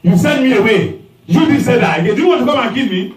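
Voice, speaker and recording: A man's voice: high-pitched, animated, drawn-out words, a crowd in the background, pitched above the performer's own voice, heavily acted. A man acting out a scornful outcast warrior who taunts the people who sent him away, in a raised, sarcastic voice. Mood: indignant. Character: scornful outcast male warrior, bitter and mocking. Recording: roomy hall, mic at a distance.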